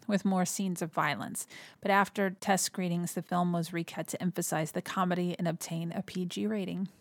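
A woman's voice: lowish voice, no room sound, studio quality. A woman hosting a podcast in an enthusiastic, chatty way. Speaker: podcast host. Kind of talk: casual chat.

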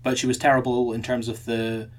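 A man's voice: mid-range voice, flat delivery, brisk. A man co-hosting a podcast in casual chat, thinking aloud with frequent restarts and repeated words. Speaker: podcast co-host.

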